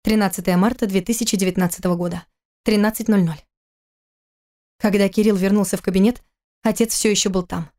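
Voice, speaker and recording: A woman's voice: medium pitch, steady tone, a little fast, long pauses, warm tone. Woman narrating an audiobook. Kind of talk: scripted narration.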